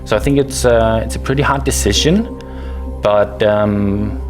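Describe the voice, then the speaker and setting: A man acting as judge, giving his verdict in a measured, drawn-out way with long pauses. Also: on the low side, faint music behind. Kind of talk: deliberate verdict.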